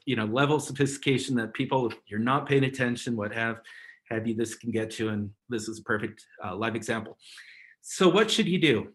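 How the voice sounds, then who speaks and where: A man teaches over a video call in a relaxed, wandering way, often breaking into a chuckle. His voice sits at an ordinary middle pitch. It sounds like an informal webinar talk rather than a polished lecture. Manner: chatty, rambling, chuckles often. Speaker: webinar presenter. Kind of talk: casual instructional talk.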